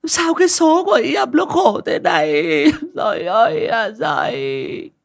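A man voicing a frantic village mother who sobs and wails in a shrill, stammering voice. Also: huge pitch swings, a little slow, gravelly, full character voice. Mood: sobbing terror.

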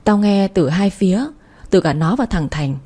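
A woman's voice: medium pitch, lively intonation, normal speed, mellow, lightly acted. A woman voicing a bitter elder sister who speaks bluntly and harshly, full of scorn. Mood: bitter confession.

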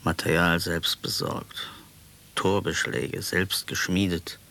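An actor playing an embittered, stubborn older war veteran in a radio drama, deliberate and grumbling. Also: male voice, sits low, flat delivery, gravelly, sharp tone, heavily acted. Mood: bitter, stubborn. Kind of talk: naturalistic German radio drama.

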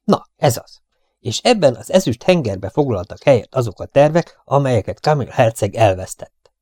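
A man voicing a whiny, tearful male gangster in a storybook reading, with a high, whimpering voice. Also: very animated, a little mellow, no room sound. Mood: whining, indignant.

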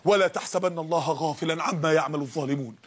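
Husky-voiced man preaching with fiery drama. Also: a little high, fast talker. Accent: Egyptian Arabic. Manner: dramatic, pleading, builds to shouts. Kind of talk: impassioned sermon.

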